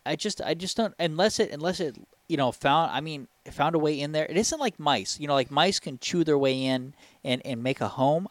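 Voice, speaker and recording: Male podcast host, halting casual delivery, close dry mic. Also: a little high, no room sound. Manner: halting, with many restarts.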